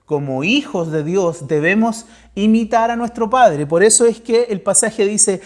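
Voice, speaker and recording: A pastor from Chile with a Chilean accent, preaching a sermon in an earnest way and putting direct questions to his listeners. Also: on the high side.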